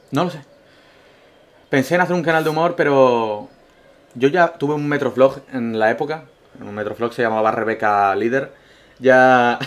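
A man from Spain, a gaming YouTuber, answering viewer questions in a casual vlog with absurd jokes and a Spanish accent. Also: mid-range voice. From Castellón, Spain. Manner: joking, absurd humor, swings between loud bursts and mumbled asides.

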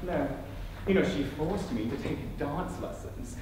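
A man's voice: fairly high pitch, unhurried, darkish tone, lightly acted. A teenage boy on a theatre stage, acting a monologue as a gushing, overemotional young man who lurches between tears and giddiness. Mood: rueful. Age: late teens. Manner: theatrical, swings between tearful and giddy. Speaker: student actor. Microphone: distant room mic. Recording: echoey hall, far off, noisy.

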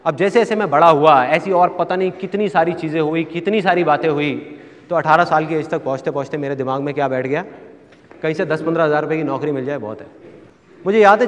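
A man telling a personal story to a live seminar audience, animated and acting out his family members' voices. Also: on the high side. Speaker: motivational speaker. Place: stage in a hall with a live audience. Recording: long hall reverb.

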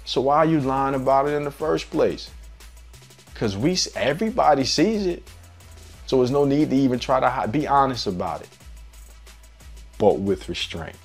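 A man's voice: mid-range voice, animated, moderate pace, vocal fry, long pauses, soft background music. A man giving a casual, earnest devotional sermon in a conversational, slangy way.

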